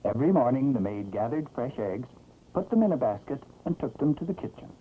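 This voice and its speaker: A narrator telling a children's story in an expressive, theatrical vintage 1960s cartoon style. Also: medium pitch, fairly quick, slightly rough. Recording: old tinny, noisy cartoon soundtrack.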